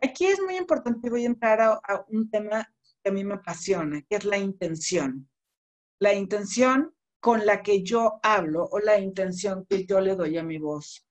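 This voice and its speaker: A middle-aged Mexican woman leads a live public speaking class from her computer. She talks in a relaxed, conversational way and acts out short spoken examples to make her points. Her voice sits at an ordinary middle pitch. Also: moderate pace. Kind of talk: online class lecture. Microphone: computer mic on a video call.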